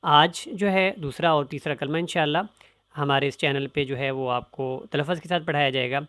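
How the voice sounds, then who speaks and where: A male Quran teacher explaining correct pronunciation in a brisk voice and then chanting the words slowly. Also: a little high, steady tone, fairly bright tone, smooth, dry recording. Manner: brisk explaining voice, breaking into slow chanted recitation.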